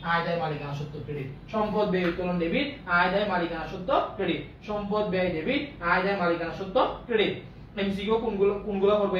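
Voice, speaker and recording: A man's voice: high voice, slight background noise. A man teaching accounting in a live online class, playful and repetitive, drilling rules that the students recite with him. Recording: echoey, distant, dull lo-fi room sound.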